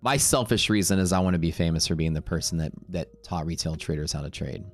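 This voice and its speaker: Casual male stream host, very low voice, chatty and digressive, soft music bed. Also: fast. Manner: rambling, talkative, laughs often. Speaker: live trading stream host. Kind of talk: casual live-stream chat.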